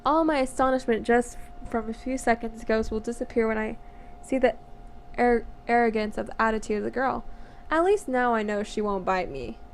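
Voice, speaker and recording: Reading a visual novel aloud in a somewhat high voice and a slightly fast delivery, the nineteen-year-old let's player stays playful and chatty, frequently sidetracked and laughing. The recording was made at home and is noisy.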